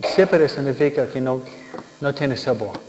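A man's voice: medium pitch, moderate pace, background noise. A male preacher giving a humorous sermon, joking and keeping his audience engaged with tag questions. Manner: jokey, keeps asking the listeners "¿no?". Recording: dull lo-fi recording in a reverberant hall.

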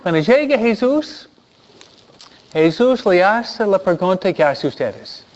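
A man preaching a sermon, animated and repeating phrases for emphasis. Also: high-pitched, slow pace, highs cut off.

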